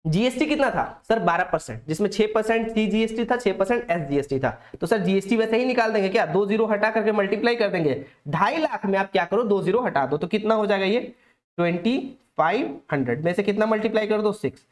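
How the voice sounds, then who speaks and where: A man's voice: high voice, lively intonation, quick pace. A young man teaching a classroom accounts lecture in Hindi, asking the students questions aloud and answering them himself. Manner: coaxing, talks straight to the students.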